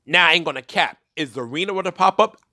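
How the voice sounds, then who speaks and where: A man's voice: a little high, expressive, quick pace, pushed and bright, no room sound. Rambling young man, dry close mic. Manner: rambling, frequent restarts and fillers. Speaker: gaming commentator. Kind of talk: casual solo commentary.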